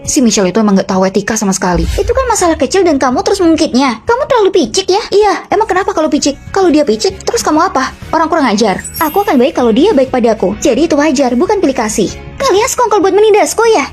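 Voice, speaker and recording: A young woman dubbing several college dorm roommates in a short drama, trading quick, bickering lines and switching between characters. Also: high voice, sing-song, a little mellow, faint music behind. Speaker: voice actor.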